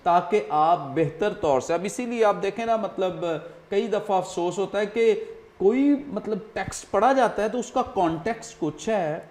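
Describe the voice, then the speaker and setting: Guy hosting a studio talk show, earnest, lots of um and like, voice on the higher side. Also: a little mellow. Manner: earnest, explaining with many fillers. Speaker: host.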